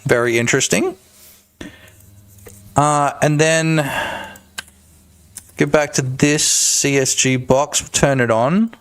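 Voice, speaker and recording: Male indie game-dev streamer; casual, joking livestream banter with chat, a touch high-pitched. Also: slow, pauses often, fairly bright tone, clear, resonant tone. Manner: chatty, joking, talks to chat.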